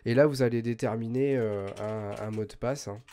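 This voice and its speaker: A man hosting a software tutorial, explaining step by step in a chatty way, full of hesitations and self-corrections. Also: mid-range voice, fairly even intonation, moderate pace, clean tone. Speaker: host of a web tools tutorial channel. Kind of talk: screen-recorded software tutorial.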